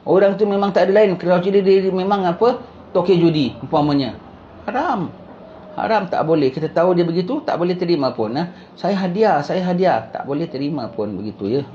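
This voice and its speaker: A man from Singapore, a religious teacher giving a lecture. He reads slowly from a book, then explains it in casual asides full of rhetorical questions. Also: sits high, lively intonation, warm tone, dull audio, slight background noise.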